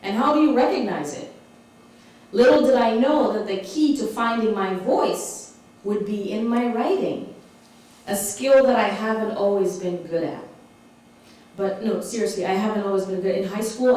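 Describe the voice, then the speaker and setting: A woman's voice: mid-range voice, normal speed, a little mellow, distant mic. A woman from Malawi giving an author talk to an audience, engaging them with questions and laughing often. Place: community hall. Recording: echoey hall recorded from afar.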